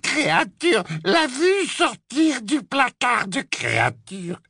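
A man voicing a wretched old male house-elf servant who croaks, stammers and wails in a high, slow voice. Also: wildly swooping pitch, sharp tone, no room sound, studio quality, full character voice. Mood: sobbing. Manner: wailing, high-pitched and slow.

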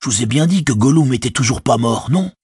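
A man voicing a plain-spoken, loyal young male hobbit in an audiobook, in an earnest, hushed way. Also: mid-range voice, expressive, a little fast, husky, no echo, clean studio sound, voice pushed up.

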